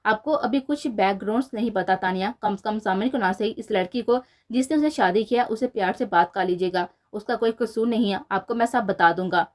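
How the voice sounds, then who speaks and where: A woman reading the lines of a calm middle-aged father who speaks in a gentle, soothing way. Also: medium pitch, few pauses, close to an everyday voice.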